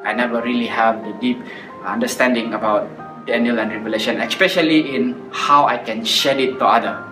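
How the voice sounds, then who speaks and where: A man giving a personal testimony in a halting way, searching for words. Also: mid-range voice, steady tone, music in the background. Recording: roomy, distant recording.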